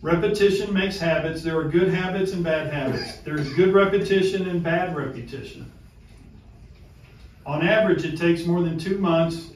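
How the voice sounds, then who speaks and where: A man with a fairly high, darkish voice presents a self-help lesson to a small live audience, speaking emphatically and repeating his key points. He's captured from far off in an echoey room with faint noise.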